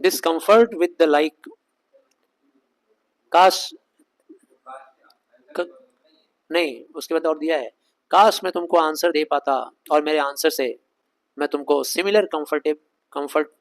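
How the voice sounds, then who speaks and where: Indian man teaching Shakespeare, slow reading. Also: a little high, low-quality recording. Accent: Indian English. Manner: reads English lines slowly, explains them fast in Hindi; conversational, asks rhetorical questions of students. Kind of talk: line-by-line Shakespeare lesson explained in Hindi.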